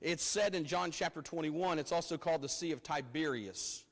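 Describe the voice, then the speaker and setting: A man who is a pastor speaks at a pulpit microphone, his somewhat high voice ringing through a church hall with a long echo. He preaches in a loose, conversational way, often stumbling over repeated words. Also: normal speed. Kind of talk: sermon. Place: church sanctuary.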